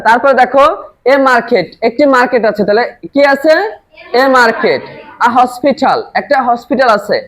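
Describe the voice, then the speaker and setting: Woman teacher with a high voice, drills phrases slowly and loudly in a classroom. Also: poor audio. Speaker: English teacher. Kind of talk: classroom lesson. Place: school classroom.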